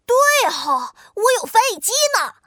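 Bright, high-pitched little girl inventor. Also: animated, moderate pace, no room sound, studio quality. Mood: delighted. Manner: exclamatory, singsong, eager. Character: cheerful, clever little girl inventor, eager and curious. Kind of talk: children's audio story acting.

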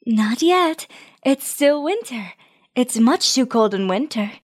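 A woman doing a calm, kindly sunshine. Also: fairly high pitch, slow. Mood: gentle. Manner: soothing, calm. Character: warm, gentle sunshine, kindly and motherly. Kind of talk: storybook reading.

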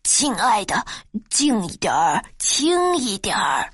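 A woman's voice: medium pitch, huge pitch swings, fairly bright tone, husky, no echo, clean studio sound, voice pushed down, exaggerated voice. A woman voicing a trembling old wizard. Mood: timid. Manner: slow and trembling. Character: timid little old bald male wizard. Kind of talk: storybook reading.

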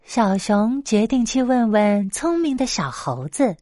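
Woman, bedtime story narration, slow, gentle, expressive, dry close sound. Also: fairly high pitch, no echo.

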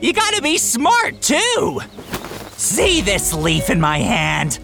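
A woman's voice: a little high, wildly swooping pitch, takes it slowly, gravelly, music in the background, exaggerated voice. A woman doing a boastful, blustering male cartoon goose. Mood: bossy. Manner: blustering, bossy, cackling. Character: boastful, smug adult male goose club leader. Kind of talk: cartoon voice acting.

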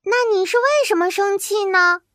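Tiny sweet critter, very squeaky and bright, eager and delighted. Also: female voice, moderate pace, no room sound, studio quality. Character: tiny cheerful fish and bunny, sweet and eager.

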